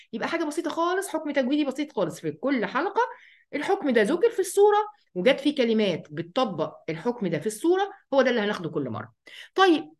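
A woman with an Egyptian accent teaching the rules of Quran recitation, chatting casually, asking and answering her own questions and reciting verses slowly. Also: a little high. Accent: Egyptian Arabic. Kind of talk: tajweed lesson.

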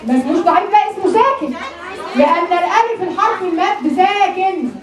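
In a very high voice and a little fast, a woman with an Egyptian Arabic accent teaches Quran recitation as a classroom lesson, questioning students and drilling them on letter pronunciation. The roomy recording is distant from the mic, with a chattering class and other background noise behind her.

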